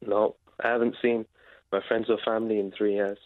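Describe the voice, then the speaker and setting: A man calling in to a radio show, speaking haltingly with many fillers and pauses. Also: lowish voice, flat delivery, dry recording. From Britain. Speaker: caller. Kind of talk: phone-in radio call. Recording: tinny phone line.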